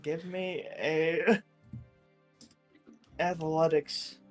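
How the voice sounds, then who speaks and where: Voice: mid-range voice, level tone, drawn-out words, soft background music. A game master narrating and refereeing a tabletop role-playing session.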